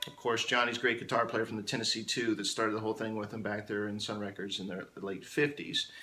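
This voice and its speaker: A man's voice: on the low side, flat delivery, brisk. A man teaching a country guitar lesson in an easygoing, folksy way from a home studio room with a ceiling fan. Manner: folksy, easygoing drawl of phrases like howdy. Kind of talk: casual spoken lesson intro.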